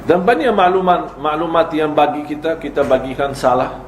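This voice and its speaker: A man's voice: fairly high pitch, normal speed. Man preaching in an echoey hall. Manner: lecturing with quoted example lines. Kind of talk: religious lecture. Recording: echoey hall with faint noise.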